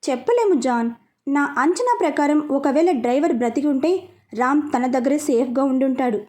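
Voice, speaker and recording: A blunt, sharp-witted young gang leader, as a woman puts him on in an audio storybook. He talks in short, dry, clipped statements. The voice sits high and sounds mellow and soft-edged. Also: lively intonation, normal speed. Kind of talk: storybook character reading.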